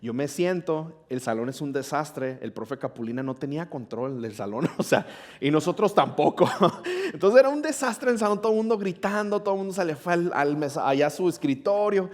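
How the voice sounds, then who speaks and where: A middle-aged man with a Mexican accent preaching a sermon in a church, telling a personal story in a chatty, animated way and often asking the congregation questions. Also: a little high, a little fast. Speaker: pastor. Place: church hall.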